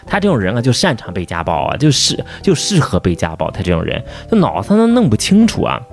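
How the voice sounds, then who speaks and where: A man rants in a fast, swearing, heated flow. His voice sits low but swings widely in pitch as his anger flares. Faint music plays behind him. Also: wildly swooping pitch, vocal fry. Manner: profane, heated, rising to outbursts. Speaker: storyteller venting about his boss. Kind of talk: casual angry rant.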